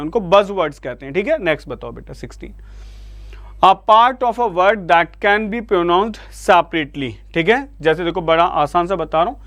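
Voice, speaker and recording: Teaching an online vocabulary lesson, a high-pitched man with an Indian accent coaxes his students along, asking them for answers again and again and repeatedly calling them "beta." There's no echo on the recording.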